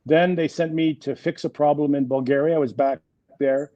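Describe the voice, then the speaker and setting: A French Canadian man in his sixties, a native French speaker, answers interview questions in English as a guest executive, full of fillers and restarts. His voice is fairly high and steady at a normal speed, on a dry recording with dull audio.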